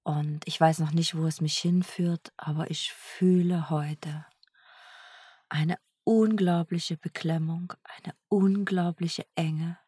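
Woman musing aloud to herself, soft and whispery, kinda low and breathy. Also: fairly even intonation, slow pace, no echo, studio quality. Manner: soft and searching, often whispered. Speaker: energy healer. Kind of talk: introspective spoken self-dialogue.

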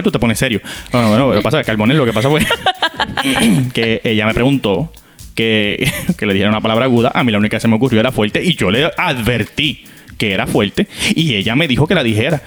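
A man with a Puerto Rican accent telling a comic story from his school days in a playful, animated way. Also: mid-range voice. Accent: Puerto Rican Spanish. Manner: animated, playful, acts out characters.

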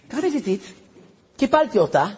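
Husky, animated rabbi telling a story. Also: male voice, very high-pitched. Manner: animated, acts out voices and sound effects. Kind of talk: storytelling talk to an audience.

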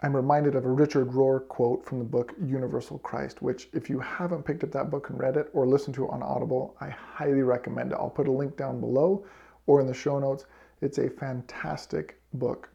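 A man with a gravelly, slightly creaky voice teaches a scripture lesson in an earnest, reflective way. His tone is mellow and dark, and he pauses now and then to read passages aloud. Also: mid-range voice, flat delivery, dull audio. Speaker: scripture study podcast host.

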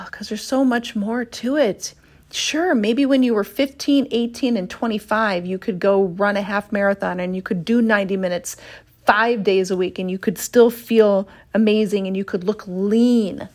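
A woman's voice: medium pitch, steady tone, moderate pace, darkish tone. A woman in her fifties talking straight to her audience about women's health and fitness, blunt and passionate, swearing casually and sighing in exasperation. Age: 50s. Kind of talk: casual monologue to camera.

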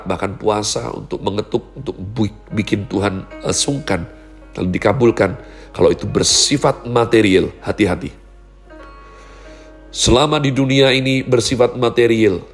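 A man preaching a sermon in an animated way, acting out quoted voices. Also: fairly low pitch. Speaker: pastor.

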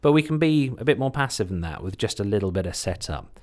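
Male podcast host, deep voice, light Suffolk accent. Chatty, informal explainer with self-deprecating asides. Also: very animated, fast talker, a little mellow. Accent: slight Suffolk English. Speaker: podcast host, content marketer. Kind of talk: casual instructional talk, solo podcast.

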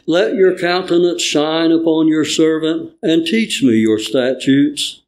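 A man reading scripture in church, formally, with measured and earnest phrasing. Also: a little high, a crowd in the background, low-quality recording.

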